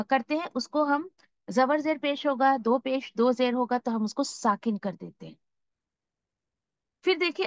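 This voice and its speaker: A high-pitched woman teaches recitation at an unhurried pace, modelling each word slowly and with care. The sound is dull and lo-fi, and the room is dry with no echo. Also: a bit bright. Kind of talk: online tajweed lesson.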